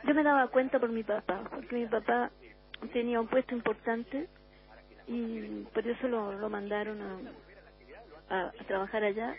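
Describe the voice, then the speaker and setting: Her tone stays steady and a little high as this older Uruguayan musician, speaking with a Chilean accent, reflects at an easy pace on a radio interview, often starting over. The recording has its highs cut off.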